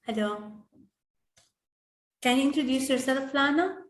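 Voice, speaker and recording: Slow-paced woman moderator in an echoing room. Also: high-pitched. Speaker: session moderator. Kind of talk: calling on participants in an online class. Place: online video call. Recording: roomy, echoing call audio.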